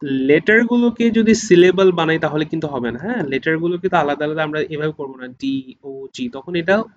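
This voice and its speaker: Male teacher, patient and checking in, slightly raised pitch, dull lo-fi audio. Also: quick pace. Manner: explains patiently, keeps checking in with rising questions. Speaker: English grammar teacher. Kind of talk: spoken classroom lesson. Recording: slightly dull recording with faint hiss.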